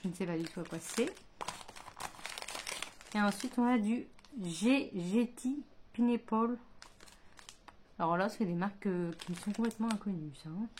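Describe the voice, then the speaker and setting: Book vlogger, woman, mid-range voice, rambling and halting, chatty home recording. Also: medium pitch, darkish tone, slight background noise. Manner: hesitant, many fillers and restarts; chatty, thinking aloud. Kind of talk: casual chat.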